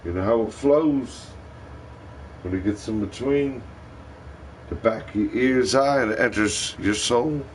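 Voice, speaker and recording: A man's voice: mid-range voice, a little slow, long pauses, a little hiss or hum. A man chatting casually on a livestream, telling a rambling, profane story. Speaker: livestream host.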